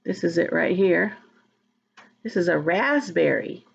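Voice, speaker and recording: Speaking to young children directly as she reads them a storybook, a woman draws out words, chats, and asks questions. Her low-leaning voice is creaky and husky, expressive and measured in pace. The audio is dull.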